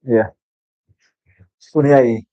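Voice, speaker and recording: A man's voice: medium pitch, fairly even intonation, slow, dark tone, no room sound. Sweary joking man in a tattoo studio. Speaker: tattoo artist. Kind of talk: casual workshop banter. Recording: dull lo-fi dry sound.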